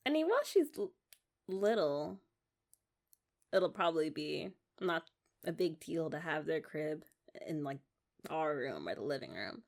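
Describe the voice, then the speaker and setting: Pushing her voice down into a low pitch with vocal fry, she performs a full character voice at a measured pace, very animated, with long pauses. The young American woman is playing an eager, loving wife in an intimate ASMR romance roleplay, coaxing and rambling with giggles. The mood is playful rambling.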